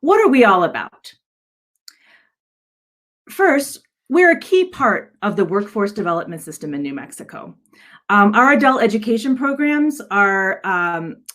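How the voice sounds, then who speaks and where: On a video call for a virtual event, an adult education director with a medium-pitched, fairly bright voice presents her slides to an audience. She comes across as earnest, though her delivery is hesitant.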